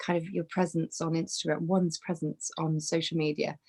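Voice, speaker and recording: A woman in her thirties, a fitness trainer, joins a podcast as a guest over a webcam video call from her bedroom with a brick wall. Her deep, slightly mellow, husky voice has vocal fry and a level tone at a moderate pace. The conversational interview is casual, full of fillers and restarts.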